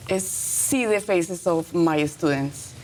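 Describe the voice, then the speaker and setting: There's slight noise behind this middle-aged Colombian woman, whose voice is fairly low and darkish. A native Spanish speaker with a Colombian accent, she answers interview questions as a teacher in earnest, halting English, punctuated by brief emphatic phrases.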